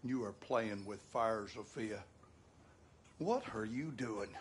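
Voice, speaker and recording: An actor playing a bitter, abusive husband in a video game, with a Southern American accent and a menacing, aggrieved delivery. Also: male voice, on the low side, takes it slowly, breathy edge, exaggerated voice. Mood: threatening. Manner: menacing, aggrieved, folksy cursing. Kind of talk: dramatic video game acting.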